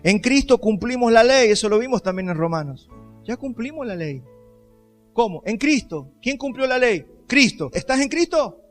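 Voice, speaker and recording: A man's voice: extremely high pitch, very animated, normal speed, faint music behind. A male pastor, giving an emphatic sermon and putting rhetorical questions to the congregation.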